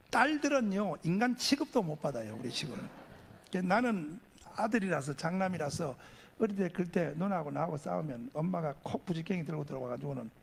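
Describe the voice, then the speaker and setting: A middle-aged man preaching a testimony sermon as pastor, telling stories with lively acted-out voices. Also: sits high, vocal fry, slight background noise. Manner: animated storyteller acting out voices.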